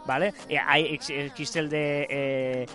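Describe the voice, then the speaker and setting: Man, podcast co-host, explanatory, a bit high-pitched, faint music under. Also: flat delivery, slow pace, bright, forceful tone. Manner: explanatory, frequent "¿vale?" check-ins. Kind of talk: casual podcast chat.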